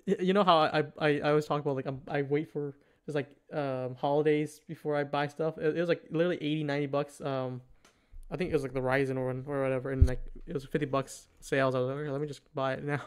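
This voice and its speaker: A man's voice: on the high side, steady tone, fast, clean tone. A man giving casual live trading commentary, thinking aloud in a hesitant way. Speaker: livestream host, futures trader.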